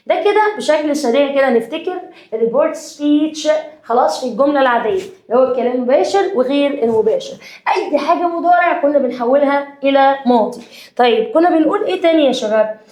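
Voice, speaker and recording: High-voiced Egyptian woman teacher, echoey room. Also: a little mellow. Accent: Egyptian Arabic. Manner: dictates slowly, checks in with students often. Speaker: English teacher. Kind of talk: classroom grammar lesson.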